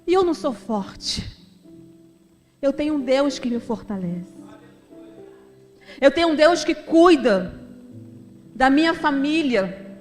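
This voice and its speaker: A woman's voice: high voice, big-room sound. A middle-aged woman giving an emotional, conversational church testimony to the congregation. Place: church sanctuary.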